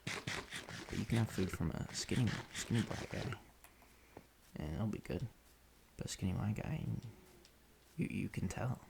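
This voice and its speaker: A man casually rambling in an offhand, deadpan way while he plays a video game, often restarting his sentences. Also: lowish voice, unhurried, creaky, long pauses, noisy background. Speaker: solo podcaster playing a video game.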